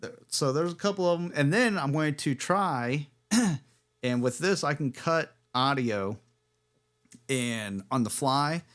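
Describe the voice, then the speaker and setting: Male streamer, slow delivery, rambling and chuckly, casual tech-test chatter. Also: on the high side, lively intonation, fairly bright tone. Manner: rambling, chuckling, self-correcting. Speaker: livestream host. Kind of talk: casual livestream equipment test.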